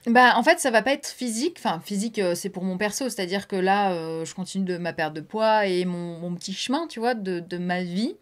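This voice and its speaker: A woman's voice: mid-range voice, fairly quick, few pauses. A woman guesting on a podcast, talking loosely in casual chat with heavy fillers and offhand swearing.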